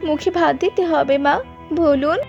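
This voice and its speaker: Woman doing a sweet poor young mom, high and pleading, soft-spoken, dull lo-fi sound w/ music. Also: steady tone, normal speed, gravelly. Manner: pleading, tearful. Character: poor young mother and maid, gentle and pleading. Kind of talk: cartoon voice acting.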